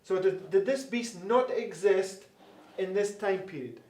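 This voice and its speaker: A man's voice: sits high, a little slow, a little mellow. A man teaching a Bible class through an interpreter, reading scripture and often checking in with "right?", stumbling over repeated words when unsure. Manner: reads scripture aloud, keeps checking with "right?". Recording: roomy room with faint hum.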